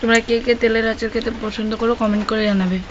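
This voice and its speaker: A hoarse woman making playful, teasing remarks in a home vlog. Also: fairly high pitch, flat delivery, fast talker. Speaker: vlogger's wife. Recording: dull lo-fi phone audio with faint noise.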